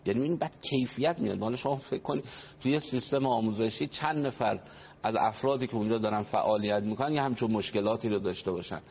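A man's voice: fairly low pitch, husky. A man giving an earnest religious talk on family life as a radio guest, explaining and quoting traditions. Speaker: family counselor. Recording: dull radio broadcast, faint noise.

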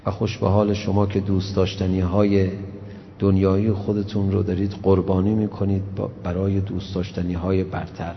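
A man giving an emphatic religious lecture, swinging from slow, low asides to loud scolding. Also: completely flat delivery, a little hiss or hum. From Iran, grew up in Tehran. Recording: dull recording in reverberant hall.

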